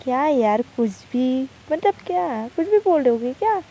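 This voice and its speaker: A woman's voice: high voice, expressive, unhurried, mellow, slight background noise. Woman doing a defensive college football girl. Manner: dismissive, defensive.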